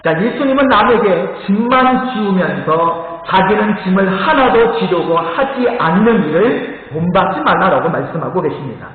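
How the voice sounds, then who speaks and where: Male pastor, sunday sermon, animated storyteller, high voice, very echoey church hall. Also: normal speed, few pauses. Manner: animated storytelling, calls to the congregation. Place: church sanctuary. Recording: echoey hall, thin phone-like sound.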